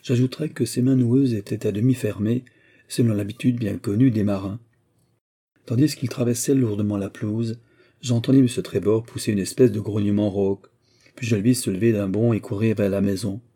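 A man narrating an audiobook in the first person, reading in a steady, measured way. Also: on the low side, husky.

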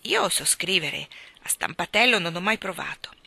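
A woman's voice: lowish voice, animated, moderate pace, vocal fry, pushed and bright, slightly rough, exaggerated voice. A woman reading the lines of a lonely, eager young girl in a storybook, wistful and earnest in manner.

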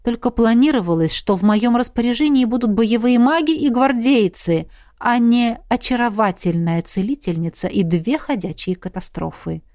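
A woman reading a calm, weary male dragon colonel with a dry, measured manner. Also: on the high side, dry recording, close to an everyday voice. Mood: wry.

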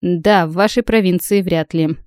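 A woman reading an audiobook, voicing a brash, teasing young female friend who talks loud and breezy. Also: fairly low pitch, moderate pace, dry recording, studio quality, close to an everyday voice.

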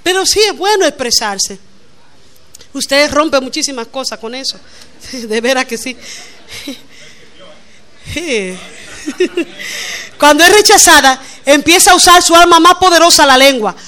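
A woman's voice: high-pitched, a little slow, long pauses. A middle-aged woman, preaching a conversational sermon and telling personal stories with frequent laughter. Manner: animated, laughs often while telling stories. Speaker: preacher, pastor's wife.

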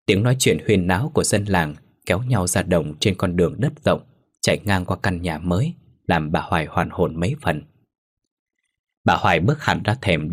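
A man narrating a ghost story in a steady, solemn manner. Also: sits low, slightly rough.

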